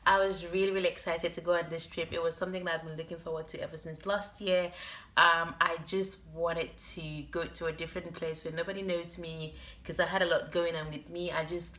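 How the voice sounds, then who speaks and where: A woman's voice: on the low side, fairly bright tone. A young woman vlogger telling a personal story in a casual, chatty way, speaking with a sore throat. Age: young adult.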